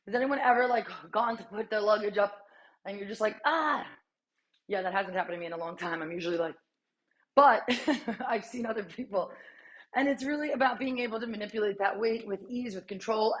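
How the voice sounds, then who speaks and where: A woman in her thirties coaching a strength workout while exercising, chatty and encouraging, with sighs and short breaths between cues. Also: mid-range voice. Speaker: fitness coach.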